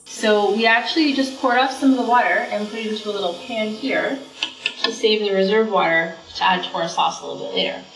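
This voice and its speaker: A woman's voice: mid-range voice, a little fast. A young woman presenting a casual cooking demonstration in a home kitchen, chatty and explaining each step. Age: young adult. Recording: roomy kitchen sound with faint music.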